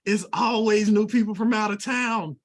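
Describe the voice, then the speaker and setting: A middle-aged man leading an energetic sales training over a video call, animated and folksy, with plenty of casual asides. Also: high-pitched, moderate pace.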